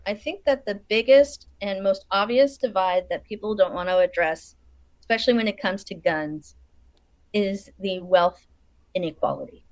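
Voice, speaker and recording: A woman co-hosting a podcast, chatty and animated as she tells stories, laughing often. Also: medium pitch, moderate pace, no room sound. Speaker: podcast co-host. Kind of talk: casual conversation.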